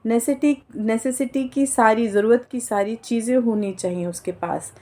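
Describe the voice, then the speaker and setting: A woman's voice: fairly high pitch, normal speed, dark tone. A woman giving an earnest explainer monologue, defining terms and mixing in English words as she goes. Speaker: political commentator.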